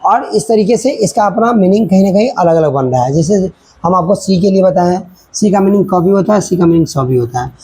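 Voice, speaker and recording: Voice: medium pitch, lively intonation, fairly quick, dark tone, slight background noise, poor audio. A teacher giving a children's grammar lesson, repeating points and checking in often while mixing in English words.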